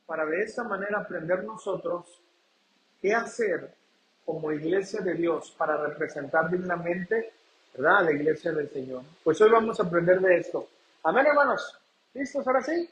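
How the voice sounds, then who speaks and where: A man's voice: sits high, slight background noise. A man from Mexico preaching a sermon, often calling out to the congregation and asking rhetorical questions. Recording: echoey church room.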